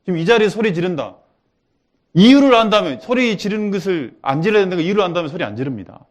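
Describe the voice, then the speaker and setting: A man preaching a practical church lesson, who acts out short spoken examples and jumps from quiet explanation to loud, laughing bursts. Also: fairly high pitch. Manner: lively, acts out quotes with sudden loud bursts. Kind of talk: church teaching talk.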